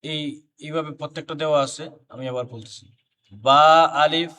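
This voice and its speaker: A man's voice: on the high side, fairly even intonation, fast talker, far from the mic. A man teaching a beginner Quran reading class, chanting letter names one by one and explaining the letter forms. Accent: Bangladeshi Bengali.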